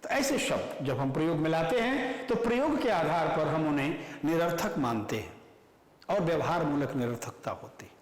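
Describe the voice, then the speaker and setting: A man teaching Hindi grammar in an online class, lively and animated, stressing words in his examples. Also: on the high side, normal speed. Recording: echoey room with long reverb.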